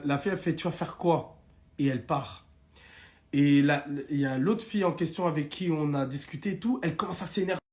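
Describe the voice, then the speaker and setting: Brief: young man, higher-pitched, animated storyteller speaking straight to viewers in a casual stream. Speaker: guest telling his story. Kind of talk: casual live-stream chat.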